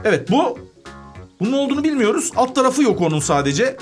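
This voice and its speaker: Playful woman with a lively, bouncing voice. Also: a little high, fast, soft background music. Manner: chatty and playful, sings little tunes and giggles. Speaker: kids' gaming channel host. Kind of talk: playful game commentary for children.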